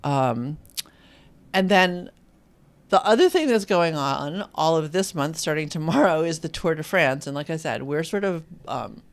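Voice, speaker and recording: A host in their fifties, from Indiana, chatting casually on a live stream and reading viewer comments aloud, with frequent pauses and ums. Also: mid-range voice, animated. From Indiana, USA. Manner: rambling and hesitant, with many ums, reads viewer comments aloud.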